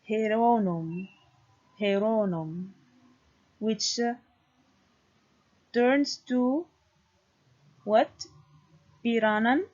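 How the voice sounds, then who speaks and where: A woman delivers a university lecture at an unhurried pace, with a faintly husky voice. She speaks deliberately, filling gaps with "uh" and checking in with "okay". The recording sounds dull and lo-fi. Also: medium pitch, a little mellow.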